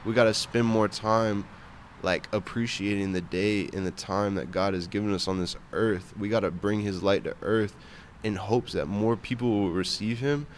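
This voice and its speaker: Casting: man, low register, loose slangy conversational delivery on faith, light street noise behind. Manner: informal slangy talk, peppered with "bro" and "you know what I'm saying". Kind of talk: casual faith discussion.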